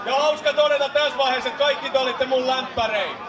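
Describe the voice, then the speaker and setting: High-pitched male host hyping a crowd. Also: steady tone. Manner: hyping the crowd, call and response. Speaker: battle host. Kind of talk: live event hosting. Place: live block party stage. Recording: echoey, far from mic, crowd noise.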